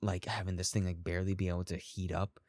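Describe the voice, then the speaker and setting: A man with a very low voice tells personal stories in a loose, rambling way, swearing freely and chuckling along. The sound is dry and close, with no room around it. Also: little pitch movement, fast talker, darkish tone, no echo. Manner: rambling, profane, chuckles often. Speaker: storyteller. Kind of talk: casual personal storytelling.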